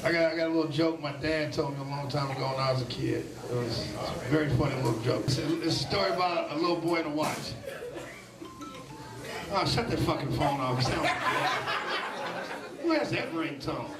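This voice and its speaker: A man doing a loud, crude stand-up set in a comedy club, riffing with the crowd. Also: on the high side, fairly quick, distant mic, heavy background noise. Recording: roomy live club sound, mic off-axis. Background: loud crowd laughter.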